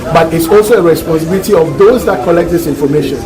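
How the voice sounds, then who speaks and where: A man's voice: on the high side, quick pace. A man giving an explanatory public statement as an official in a news soundbite. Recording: crowd noise behind the voice.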